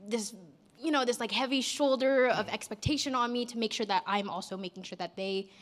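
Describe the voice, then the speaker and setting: A woman's voice: on the high side, a little fast, in a large hall. A woman in a book discussion, sharing personally and searching for words. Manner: searching for words, many restarts. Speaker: book club participant.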